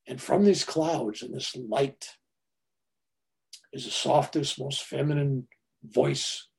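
A man animatedly telling a personal story in casual talk, swinging from loud to hushed. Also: medium pitch, slow, vocal fry.

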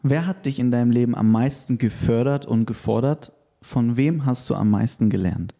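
A man's voice: mid-range voice, normal speed, vocal fry, warm tone. A man hosting a casual interview, asking questions and telling stories in a conversational way. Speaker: interviewer, personal trainer.

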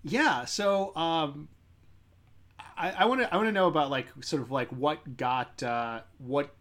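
A man's voice: fairly high pitch, measured pace, fairly bright tone. A middle-aged man hosting a casual podcast chat, hesitant, with lots of "uh" and restarts. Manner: hesitant, many fillers and restarts. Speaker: podcast host.

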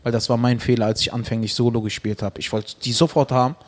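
A man's voice: mid-range voice, fairly even intonation, quick pace. A man, a comedian, chatting casually and earnestly advising a colleague. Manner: earnest, advising, with frequent fillers. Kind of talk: casual chat.

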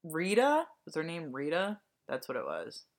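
A woman with a softened Delaware County accent chatting casually, rambling with many fillers. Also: deep voice, huge pitch swings, normal speed, creaky. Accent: Delaware County, Pennsylvania, softened. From Delaware County, Pennsylvania. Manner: rambling, full of "like" and "um". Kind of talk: casual chat.

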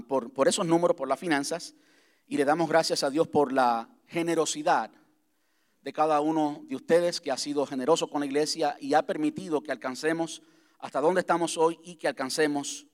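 A man speaking as pastor to his congregation in a church, talking conversationally and repeating key points slowly. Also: a little high. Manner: conversational, repeats himself, slows to spell things out. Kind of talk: church vision address to congregation. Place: church sanctuary.

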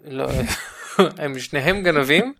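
A man co-hosting a casual podcast chat, telling a game story with lots of laughter. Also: on the high side. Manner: animated storytelling, laughs often. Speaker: podcast co-host.

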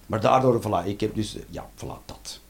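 A man performing a stand-up comedy routine. He swings between loud outbursts and low muttering, and he swears. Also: a little fast, creaky, slight background noise.

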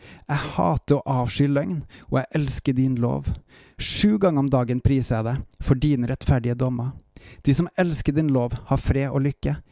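A man reading psalm verses aloud in a calm, measured way, stopping now and then for short devotional reflections. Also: mid-range voice, vocal fry, no echo, clean studio sound. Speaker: Bible reader and preacher. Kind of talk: Bible reading with devotional commentary.

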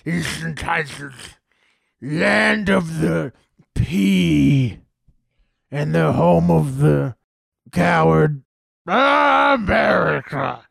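A man doing a gravelly, stuffy poetry host. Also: a little high, expressive, a bit bright, dry recording, clean studio sound, full character voice. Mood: stern. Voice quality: gravelly, husky, slow and deliberate. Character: stuffy, fussy male poetry show host.

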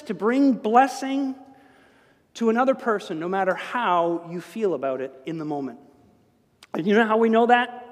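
A male pastor preaching a sermon in a church, talking in a conversational, animated way with humorous asides. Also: sits high. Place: church sanctuary. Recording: long church reverb.

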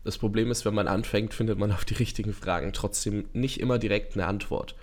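Eager young man with a low voice. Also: steady tone, fairly quick. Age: young adult. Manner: eager, earnest, talks in long run-on thoughts with fillers. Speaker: podcast guest. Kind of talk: casual interview talk.

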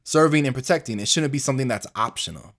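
A man's voice: mid-range voice, fast, fairly bright tone. A man who manages a service organization, speaking frankly and directly in an interview.

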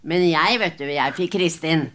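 A woman's voice: low-pitched, a bit bright. Gloating young man, boastful and mocking, voiced by a woman.

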